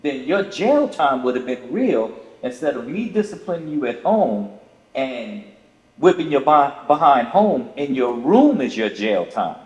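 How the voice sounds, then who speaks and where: A man's voice: medium pitch, sing-song, unhurried. An older man talking earnestly about raising his son, in a casual podcast conversation. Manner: earnest, fatherly, emphatic. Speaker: father of the co-host. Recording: echoey room with long reverb.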